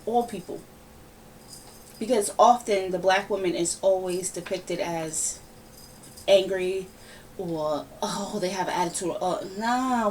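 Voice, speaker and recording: A woman hosting a casual podcast, giving her opinions in a lively, ranting, conversational way. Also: mid-range voice. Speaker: podcast host. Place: home room, relaxed podcast setting. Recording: somewhat distant mic with faint background noise.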